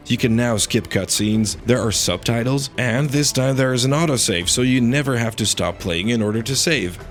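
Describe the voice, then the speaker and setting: A man with a medium-pitched voice narrates a scripted game review. He is opinionated and critical, with faint music underneath. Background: faint background music.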